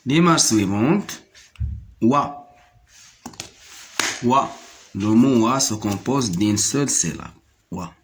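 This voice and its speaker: A man leads a French lesson for children at a very slow, deliberate pace. His voice sits a little low, and he repeats every word carefully before counting its syllables. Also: expressive, a little hiss or hum. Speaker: primary school French teacher. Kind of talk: slow classroom reading lesson.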